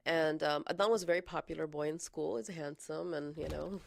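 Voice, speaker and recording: Female interviewee, low gravelly voice, hesitant and conversational, retelling events. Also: steady tone, a little fast, dry recording, studio quality.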